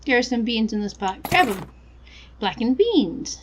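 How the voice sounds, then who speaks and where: A woman's voice: a little high, big pitch swings, measured pace, noisy background. A woman chatting casually as she plays a game and reads its text aloud. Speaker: game player.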